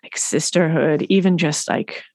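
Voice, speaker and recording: A woman's voice: sits low, expressive, measured pace, gravelly, no room sound. A woman hosting a podcast, chatting casually and affirming her guest, often restarting her sentences. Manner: warm, affirming, many restarts. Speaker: podcast host.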